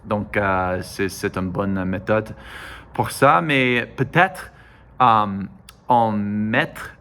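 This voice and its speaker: Slow, halting American man speaking broken French. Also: on the low side, bright, forceful tone, clean tone. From United States. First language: English. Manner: broken, halting learner's French with hesitations and self-corrections. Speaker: vlogger. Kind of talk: casual monologue to camera.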